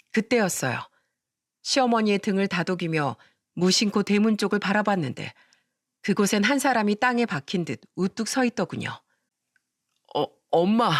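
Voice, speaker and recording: A woman's voice: mid-range voice, no echo, studio quality. Woman narrating a dramatic family story. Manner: emotive storytelling, plays every character.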